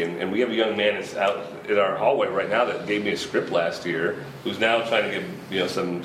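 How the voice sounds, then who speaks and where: A man's voice: lowish voice, fairly bright tone. A man in his fifties who organizes a festival, talking in a rambling, casual way with frequent laughs and restarts. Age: 50s. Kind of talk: casual interview chat. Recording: roomy echo with faint ambient noise.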